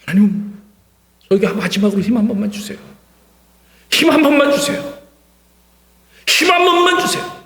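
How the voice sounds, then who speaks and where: A man's voice: extremely high pitch, sing-song, normal speed, long pauses, sharp tone, full character voice. A pastor acting out a blinded strongman crying out to God. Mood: pleading. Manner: pleading, crying out in prayer. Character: blinded captive strongman begging God for strength. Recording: reverberant church hall.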